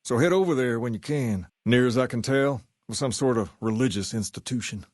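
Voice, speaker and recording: A man playing a self-assured, folksy gang boss in a video game, with a Southern US accent and a measured way of talking. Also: mid-range voice, a little mellow, dry recording, clean studio sound, natural voice. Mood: relaxed, folksy. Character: charismatic, folksy male gang boss styled on a rock-and-roll idol. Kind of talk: video game character dialogue.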